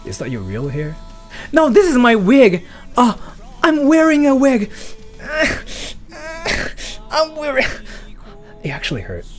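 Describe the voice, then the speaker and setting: A man's voice: very high-pitched, huge pitch swings, takes it slowly, pauses often, faint music behind. A man from Japan livestreaming, chatting loosely and answering viewer questions, going back and forth between English and Japanese.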